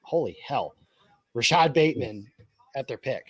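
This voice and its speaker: A man co-hosting a casual live draft stream, breaking down picks in a relaxed, informed way. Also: mid-range voice, moderate pace, breathy edge, dry recording. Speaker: co-host.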